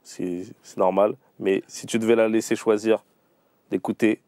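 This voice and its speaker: Man, host, playful quick questions, laughs a lot, dry close sound. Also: fairly low pitch, flat delivery, warm tone, no room sound. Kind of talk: casual interview on a livestream.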